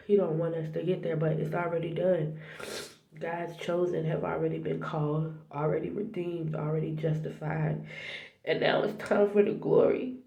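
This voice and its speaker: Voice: mid-range voice, creaky, dark tone, muffled recording. A faith vlogger sharing a dream and a spiritual message to camera, heartfelt and tearful, talking straight to the viewers and sometimes dropping to a whisper. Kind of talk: emotional spiritual testimony to camera. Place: small bathroom. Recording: echoey bathroom.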